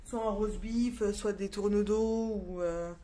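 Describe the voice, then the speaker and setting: A woman's voice: medium pitch, fairly even intonation, takes it slowly, mellow. Chatty French woman vlogger. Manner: chatty, with many fillers and restarts; mutters counts half-whispered to herself. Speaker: coloring vlogger. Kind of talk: casual chat while coloring.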